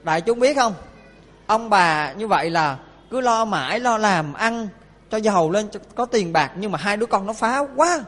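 A man's voice: high-pitched, animated, moderate pace, fairly bright tone. A man, a monk telling a story in a sermon and often questioning his audience. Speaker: Buddhist monk preacher. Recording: long hall reverb.

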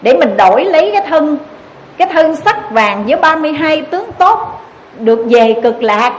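A woman's voice: sits high, lively intonation, normal speed, slight background noise, poor audio. A Buddhist nun giving an earnest dharma talk, urging her listeners with repeated rhetorical questions. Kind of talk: sermon.

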